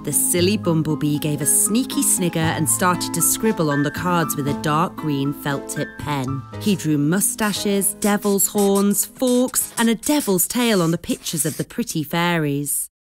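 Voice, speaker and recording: A woman narrating a children's story at a slow, unhurried pace. Her pitch rises and falls a lot, gentle and expressive, made for young listeners. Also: over music.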